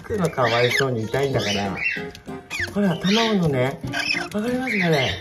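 A woman who breeds cockatiels, from Hokkaido, Japan, chatting casually as she checks nest boxes and coos gently to her birds. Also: extremely low pitch, sing-song, normal speed. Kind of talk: casual vlog narration. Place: indoor bird room. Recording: loud music behind.

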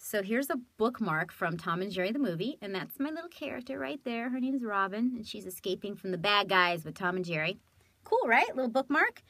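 Woman in her thirties, from California, chatty vlog voice, bright and tense, very dry close sound. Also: fairly high pitch, dry recording. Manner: animated, chatty, laughing often. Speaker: voice actress. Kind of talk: casual show-and-tell vlog.

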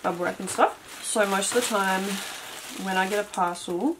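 Speaking at a normal speed in a mid-range voice, a beauty vlogger in her twenties does a casual clean-with-me chat, rambling with many fillers as she tidies. Her cluttered bedroom beauty room is indoors, and the home camera recording is noisy.

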